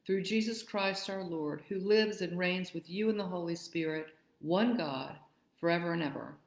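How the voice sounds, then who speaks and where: A woman leading a church liturgy, reading prayers in a measured, steady way, with a roomy church echo. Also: lowish voice. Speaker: worship leader. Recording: echoey room.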